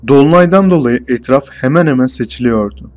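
Here a man narrates his own horror story with calm, measured pacing and a voice sitting in the middle range.

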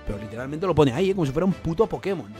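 A young man with a Spain Spanish accent talks through a manga chapter in a bright, high voice that leaps up and down. He jokes and swears freely as he reacts. Faint music plays behind him. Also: racing. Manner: animated, swearing, jokey. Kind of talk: excited reaction commentary.

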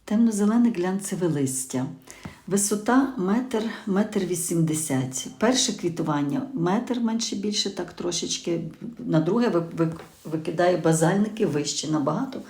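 Her voice is lowish with a dark tone as she chats casually on her gardening channel. The host, a middle-aged Ukrainian woman, stumbles and self-corrects through an informal garden review.

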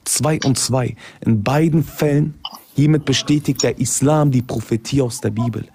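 A man's voice: medium pitch, normal speed, darkish tone. A man in a heated online religious debate, laying out numbered points and calling each one a knockout. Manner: assertive, lists points and declares knockouts.

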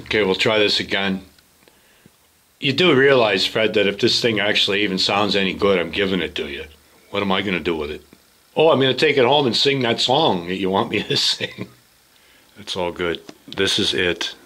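A man's voice: fairly low pitch, expressive, normal speed, sharp tone, poor audio. A man hosting a casual studio visit, joking loosely and swearing now and then. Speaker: video host. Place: recording studio.

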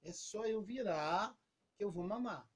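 A newborn baby boy wonders naively about the world around him, voiced by a man in a fairly high register. He sounds puzzled and curious, as if thinking out loud. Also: expressive, a little slow, husky, exaggerated voice. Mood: wondering.

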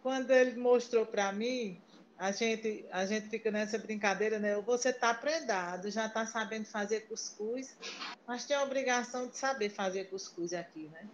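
A woman talks over a video call in a chatty, rambling way, restarting her sentences often. Her voice sits a little high. The sound is muffled like a laptop mic. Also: normal speed, slight background noise. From Paraíba, Brazil. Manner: chatty, storytelling, many restarts. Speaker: meeting participant. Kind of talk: casual chat on a video call.

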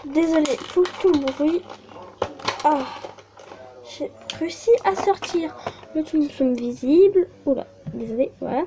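A young woman vlogger with a high-pitched voice chats casually and unhurriedly while unboxing toys at her desk at home. She sounds hesitant, full of fillers and apologies, and there's noise in the background.

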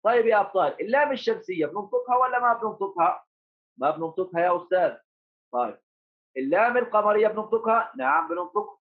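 A man with a high voice teaches young pupils remotely, calling them heroes and coaxing them along. He repeats each rule, then asks a question and answers it himself. The sound is thin and phone-like. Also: lively intonation, fast talker. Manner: repeats key points, asks and answers his own questions. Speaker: primary school Arabic teacher. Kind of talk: remote lesson for children.

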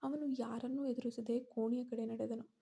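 Female storyteller, dark mellow tone, pitched a bit high. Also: fairly even intonation, normal speed, vocal fry, breathy edge. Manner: voices the characters' quoted lines herself. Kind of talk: first-person story narration.

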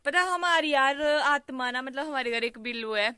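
A young adult woman from Himachal Pradesh, India, speaks with a Pahari accent in a high, bright, forceful voice at a moderate pace, with no echo. Out on a hillside with a phone held at arm's length, she gives a casual, chatty vlog, giggling, teasing and addressing viewers directly.

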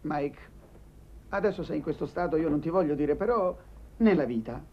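An actor playing a talkative Italian man, ironic and cajoling, who tries to calm down an old friend. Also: on the high side, normal speed. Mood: soothing. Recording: dull 1980s film soundtrack, faint hiss.

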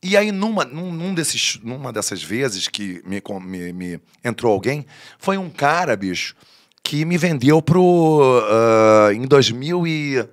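In a podcast studio, a man with a mid-range voice takes his time as a guest, telling stories in casual chat. He's an animated storyteller who acts out the people he quotes.

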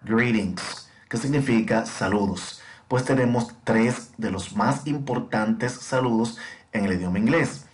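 A man teaching an English lesson, explaining and slowly drilling greetings for students to repeat. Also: on the low side. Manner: slow, clear, deliberate drilling. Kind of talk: bilingual language lesson with repetition drills.

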